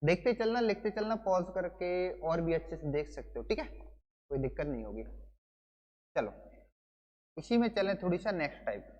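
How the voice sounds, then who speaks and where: A man's voice: on the high side, expressive, moderate pace, long pauses, a little mellow, in a large hall, dull audio. A male teacher giving an exam coaching lesson, playful and chatty, who keeps calling his students brother and explains with wedding and party stories.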